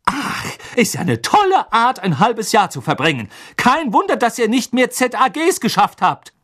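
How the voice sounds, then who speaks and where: A man's voice: mid-range voice, unhurried, husky. A man voicing a stern, angry middle-aged mother witch who scolds sharply in an audiobook reading. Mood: sarcastic.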